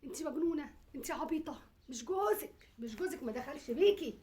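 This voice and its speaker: Here is a woman acting out a frantic, furious Egyptian mother in a skit, her voice a little high. She fires off quick scolding questions between pleading prayers. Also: lively intonation, a little mellow, slight background noise. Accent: Egyptian Arabic.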